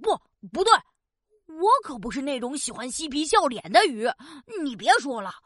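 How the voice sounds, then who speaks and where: A woman voicing a big shark in a children's cartoon, blustering as a scary sea king but shy and halting. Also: sits high, sing-song, no echo, studio quality. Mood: grumpy. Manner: halting, stammering, gruff bluster hiding shyness.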